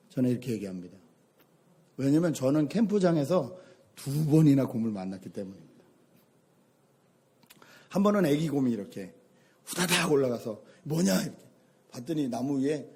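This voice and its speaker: Middle-aged male pastor, mellow husky voice, storytelling sermon delivery. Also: mid-range voice. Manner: storytelling, animated anecdotes.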